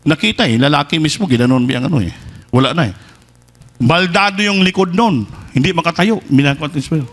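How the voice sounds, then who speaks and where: A man preaching a sermon and telling a testimony in a lively storytelling way, acting out the people he quotes. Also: fairly high pitch, fast talker. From Philippines. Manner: lively storytelling, switches between Tagalog and Visayan, acts out quoted people.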